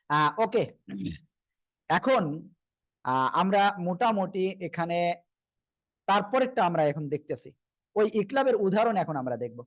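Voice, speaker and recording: Quran teacher, man, Bangladeshi Bengali accent, higher voice, patient, drills letters with students. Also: dry recording. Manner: patient, repeats letters slowly and asks students to repeat. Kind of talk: live online Quran reading class.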